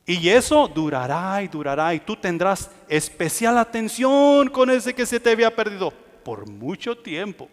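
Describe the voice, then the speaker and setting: Impassioned high-voiced preacher in a hall. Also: male voice, big pitch swings, moderate pace, hardly any pauses. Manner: impassioned, swinging between hushed and loud. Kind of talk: sermon.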